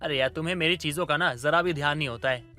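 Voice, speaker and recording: A man voicing a hot-tempered young husband in an animated story, speaking irritably and shouting. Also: on the high side, quick pace, soft background music. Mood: angry.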